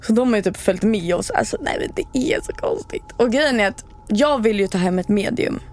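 A woman's voice: mid-range voice, slight background noise. A woman co-hosting a podcast, telling stories in a casual chat and acting out what people said. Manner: animated storyteller, acts out quotes. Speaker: podcast co-host.

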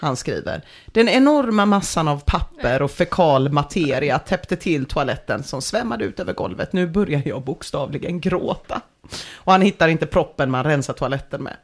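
A woman host reading a story aloud and commenting on it, laughing as she goes. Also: sits low. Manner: animated, laughing through the story.

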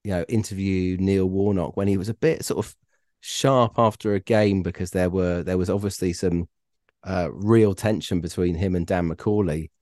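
Hesitant low-voiced man. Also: fairly even intonation, moderate pace, darkish tone, dry recording, clean studio sound. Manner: hesitant, many ums and restarts. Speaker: podcast guest, former radio reporter. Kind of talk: casual interview chat.

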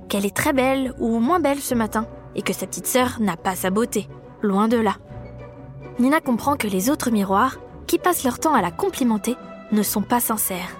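A woman narrating a children's story aloud in a lively, expressive way for young listeners. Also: on the high side.

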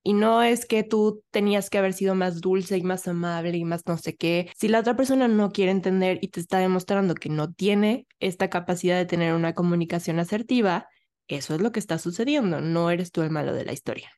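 A woman's voice: fairly low pitch, fairly quick, a little mellow. Emphatic woman podcast host. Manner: emphatic, explains with acted-out examples. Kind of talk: casual podcast talk.

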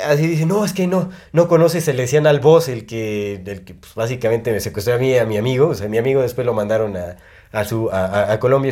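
A man's voice: mid-range voice, a little mellow. A young man with a Mexican Spanish accent, rambling through a personal story on a podcast with lots of fillers and restarts. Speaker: podcast co-host. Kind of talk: casual chat, storytelling.

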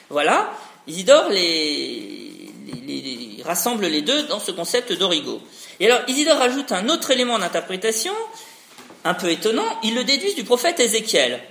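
A man's voice: sits high, pushed and bright, slight background noise. A man giving an academic lecture, talking discursively with many restarts and tag questions. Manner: discursive, frequent hein tags and restarts. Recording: roomy echo.

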